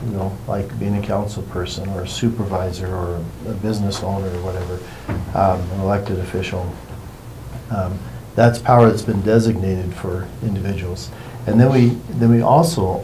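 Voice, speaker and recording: Male workshop facilitator, low-pitched and soft-edged, informal meandering explainer, light room noise behind. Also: poor audio. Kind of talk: informal explanatory talk to a group.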